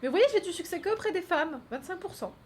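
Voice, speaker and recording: A woman streaming a game, chatting casually, animated, teasing and crude, laughing often. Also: extremely high pitch, fast talker, a little hiss or hum. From France. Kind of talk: casual gaming stream chat.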